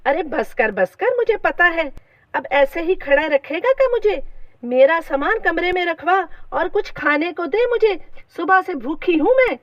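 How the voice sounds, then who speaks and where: A woman's voice: very high voice, big pitch swings, measured pace, no echo, recorded from a distance, highs cut off, voice pushed up, heavily acted. A woman doing a bossy scheming mother-in-law. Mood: scolding. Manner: scolding, scheming. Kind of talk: cartoon storybook voice acting.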